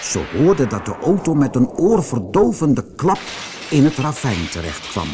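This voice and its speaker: Guy reading a kids' fairy tale, super expressive, takes his time, faint music under it. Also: mid-range voice. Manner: expressive, animated. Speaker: narrator. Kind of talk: storybook reading for children.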